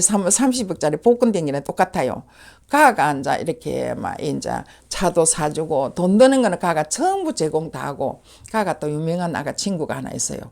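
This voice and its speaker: A woman's voice: lowish voice, a little mellow. A woman shaman with a Gyeongsang accent, telling a story in casual chat and acting out the voices of the people in it.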